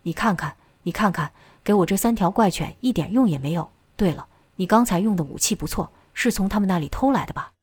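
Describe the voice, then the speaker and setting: A woman voicing an arrogant, cruel male villain with mechanical arms in a storybook reading, his voice pitched lower and sneering. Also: animated, brisk, hardly any pauses, a little mellow, slightly rough, no room sound. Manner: sneering and boastful, later begging.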